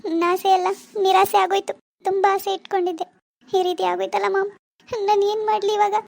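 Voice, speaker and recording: A woman's voice: very high-pitched, flat delivery, brisk, vocal fry, darkish tone, voice pushed up. A woman voicing a tearful, desperate young wife in a cartoon, pleading and despairing.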